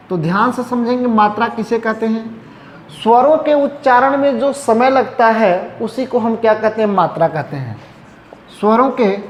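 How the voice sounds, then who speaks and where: A male teacher giving a classroom lecture, asking questions and answering them himself, and repeating definitions slowly as he writes. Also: extremely high pitch. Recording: echoey room with faint noise.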